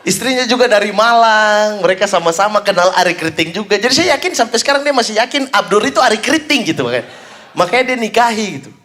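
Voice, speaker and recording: A man's voice: high voice, fast. A young man from Indonesia, telling a stand-up story on stage and acting out the people in it. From eastern Indonesia. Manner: animated storytelling, acting out other people's voices. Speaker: stand-up comedian. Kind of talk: stand-up routine. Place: stage in front of a live audience.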